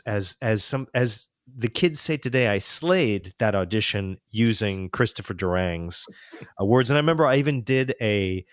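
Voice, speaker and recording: A man hosting a podcast interview, speaking haltingly with many fillers and restarts, and full of praise for his guest. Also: lowish voice, no echo, clean studio sound. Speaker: podcast host.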